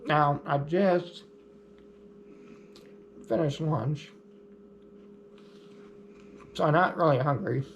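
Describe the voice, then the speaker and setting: Slow-talking man with a gravelly voice. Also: a little high, dull audio, a little hiss or hum. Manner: easygoing, plainspoken, lightly humorous. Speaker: vlogger. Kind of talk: casual explanatory vlog talk.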